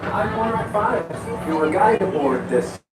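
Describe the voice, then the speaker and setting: An upbeat robot tour guide over a ride loudspeaker. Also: medium pitch, lively intonation, takes it slowly, distant mic, loud music behind the voice. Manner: upbeat, jokey tour patter. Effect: ride loudspeaker playback. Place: moving open-air ride vehicle. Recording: echoey speaker heard from afar, noisy.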